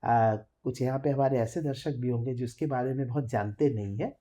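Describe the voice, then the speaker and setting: A woman who is a classical singer, explaining thumri in a thoughtful, measured way with frequent hesitant fillers. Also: extremely low pitch, warm tone. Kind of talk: explanatory talk with sung examples.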